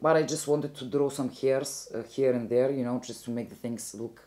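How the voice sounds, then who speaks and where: A young Bulgarian beauty vlogger with a Bulgarian accent chats her way through a makeup tutorial, rambling and correcting herself mid-sentence. Her bass voice has a dark tone, fairly even intonation and a moderate pace.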